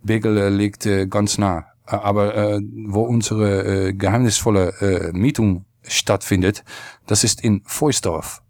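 A low-voiced man speaks with a Dutch accent and a lot of fry in a very dry sound. He is polite and hesitant, feeling his way deadpan through an enquiry as a podcast prankster. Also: measured pace, dry recording. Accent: Dutch accent in German. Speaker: podcast host making a prank phone call. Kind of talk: deadpan, halting phone enquiry.

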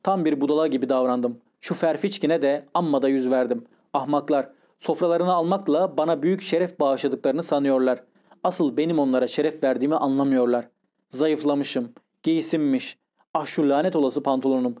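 Mellow-voiced man narrating an audiobook. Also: a little high, fairly quick.

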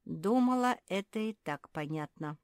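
A woman's voice: medium pitch, lively intonation, unhurried, dry recording, clean studio sound, voice pushed up, close to an everyday voice. A woman voicing a brave, bossy young female pet animal in a storybook, giving orders eagerly. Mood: bold. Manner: commanding, eager.

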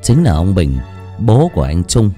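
Low-voiced man telling a dramatic story. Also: big pitch swings, normal speed, mellow, soft background music. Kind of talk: scripted horror story narration.

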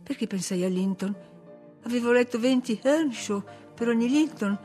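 Female audiobook narrator, somewhat high voice, measured and dramatic, faint music underneath. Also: warm tone. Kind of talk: expressive literary narration.

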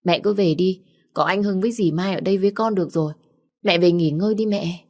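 A woman's voice: lowish voice, a little fast, a little mellow, lightly acted. A woman voicing a pampered, fragile young woman who whimpers and pleads. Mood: coaxing.

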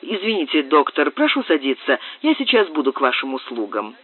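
Male narrator voicing a cold, imperious marquis in an audiobook; slightly high, tinny and dry. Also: sing-song, a little fast, husky. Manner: cold and stern. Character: cold, commanding aristocratic marquis, middle-aged man.

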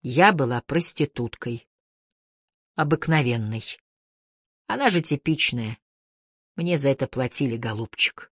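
A woman's voice: on the low side, very animated, unhurried, husky, dry recording, clean studio sound, heavily acted. A woman voicing a bitter, worn-out wife and mother who snaps back. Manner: sharp, bitter. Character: embittered, weary young mother.

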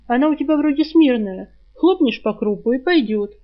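A woman voicing a sly, sharp-tongued male talking rat in an audiobook, mocking and quick with insults. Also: high-pitched, lively intonation, lo-fi sound.

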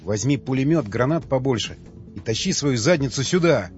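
A cocky, quick-tempered young fighter who will not take orders lightly, voiced by an audiobook reader. The sound is slightly dull and lo-fi, and faint music runs underneath. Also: male voice, medium pitch, lively intonation, a little mellow, lightly acted. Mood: brash.

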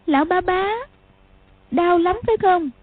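A woman voicing a frightened but kind-hearted little girl in an audiobook, soft and timid, with a husky voice. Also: very high-pitched, fast, pitched above the performer's own voice. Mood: gentle. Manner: soft, timid, stammering when scared. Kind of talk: audiobook character voice. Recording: tinny phone-like, dry.

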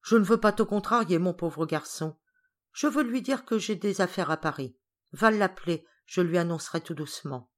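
A woman's voice: fairly low pitch, moderate pace, natural voice. A woman voicing a brusque, busy father in an audiobook. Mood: curt. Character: gruff grumpy father, curt and busy.

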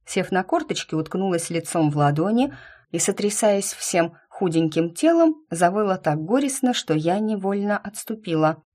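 A woman's voice: lowish voice, expressive, moderate pace, a little mellow. Woman narrating a fantasy audiobook.

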